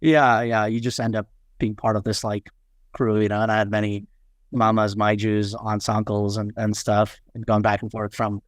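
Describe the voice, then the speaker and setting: Halting, smooth-voiced man, guest chat. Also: fairly low pitch, flat delivery, dry recording, clean studio sound. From Nepal. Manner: halting, many fillers and restarts. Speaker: podcast guest. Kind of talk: casual interview chat.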